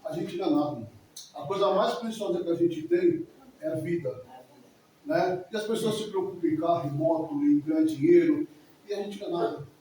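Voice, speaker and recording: In a fairly quick, warm, slightly high voice, a man in his forties shares an emotional testimony in a church hall. His account rambles and often repeats itself, recorded from far off in the echoey hall with faint noise.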